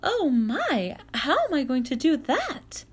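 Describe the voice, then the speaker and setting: Woman playing a frightened young girl, high pitched, polite, pleading. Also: very animated, slow pace, heavily acted. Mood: anxious. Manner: timid, pleading.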